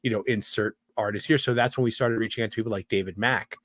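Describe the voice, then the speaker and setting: A man guesting on a comics talk show, telling relaxed stories in casual chat and acting out the voices of people he quotes. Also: fairly low pitch, fast.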